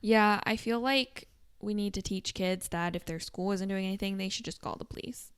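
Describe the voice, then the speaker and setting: A woman's voice: normal speed, smooth. A woman co-hosting a podcast, casually retelling a true stalking story with lots of fillers. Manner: retells stories with frequent fillers, drops to a low murmur for asides. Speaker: podcast co-host.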